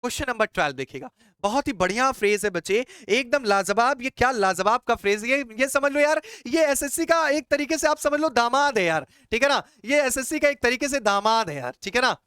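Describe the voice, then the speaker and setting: A young man explains exam idioms to his students in a lively, chatty way. He keeps asking questions aloud and answering them himself, calling listeners brother and child. His voice is smooth and crisp, recorded close and dry. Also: extremely high pitch, a little fast, dry recording. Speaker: English exam teacher.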